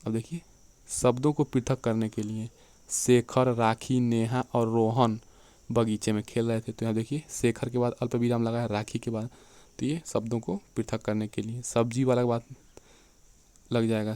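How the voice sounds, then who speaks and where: A man teaching an exam-prep lecture, often checking in with his students and slowing down to read definitions and examples aloud. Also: medium pitch, level tone, warm tone, smooth, dry recording. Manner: keeps checking in with "theek hai" and "dekhiye".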